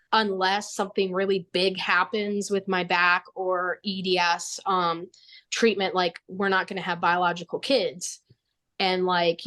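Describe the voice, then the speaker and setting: A woman's voice: lowish voice, a bit bright. A young woman in her twenties talks openly as an interview guest. She rambles and keeps reaching for filler words. She makes light of herself in a casual, unpolished way. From United States. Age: 20s. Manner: rambling, filler-heavy, self-mocking. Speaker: guest, Paralympic swimmer. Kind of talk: candid casual interview talk.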